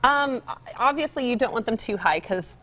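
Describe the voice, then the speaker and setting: A woman's voice: on the high side, animated, normal speed, pushed and bright. A young American woman chatting informally and upbeat as a guest giving a decor demonstration on television. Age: young adult. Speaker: guest home decor store representative. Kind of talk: casual TV demonstration interview. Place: TV studio set, indoors.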